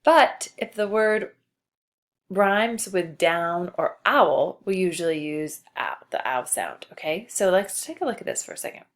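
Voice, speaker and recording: A woman teacher giving a patient spelling lesson to a child, slowly spelling out letters. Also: lowish voice, expressive.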